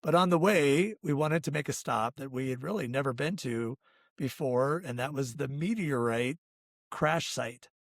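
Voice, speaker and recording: A hoarse man co-hosting a travel vlog, chatting casually and leading the conversation. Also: medium pitch, normal speed, no echo, clean studio sound. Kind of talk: casual chat.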